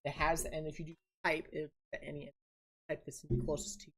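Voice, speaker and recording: A woman's voice: low voice, flat delivery, normal speed, slightly rough. A woman streaming a building game, casually thinking aloud and muttering each step to herself. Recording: audible keyboard typing and clicks.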